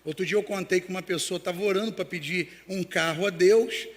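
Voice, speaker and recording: A man's voice: high-pitched, steady tone, brisk, in a large hall. A man preaching a sermon as pastor, telling stories with many restarts. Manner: storytelling with acted quotes and many restarts.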